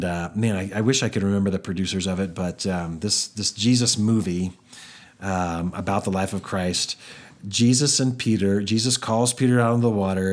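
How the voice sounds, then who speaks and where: Male Bible teacher, lower register, casual and chatty, restarts sentences a lot. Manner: conversational, with frequent restarts and fillers.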